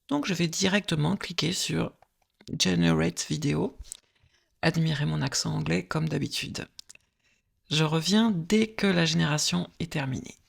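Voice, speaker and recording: A woman narrating a screen-recorded software tutorial, explaining step by step with frequent hesitant filler pauses. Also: sits low, gravelly, breathy edge.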